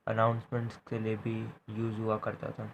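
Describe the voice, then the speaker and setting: A man's voice: fairly low pitch, completely flat delivery, normal speed, creaky, dull audio, a little hiss or hum. A man teaching a history class, explaining step by step and checking in with "theek hai" after each point. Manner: repeats points, ends phrases with "theek hai".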